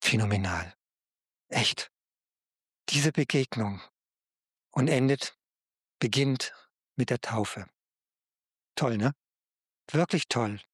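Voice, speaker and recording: Male preacher, husky voice, dry close sound, warm direct address to the listener. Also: mid-range voice, slow pace, long pauses, dry recording. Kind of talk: devotional Bible talk.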